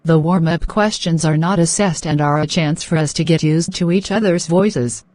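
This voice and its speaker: A woman's voice: low voice, moderate pace, darkish tone, dry recording. A woman working as a speaking test examiner, reading out scripted questions and instructions in a polite, formal way.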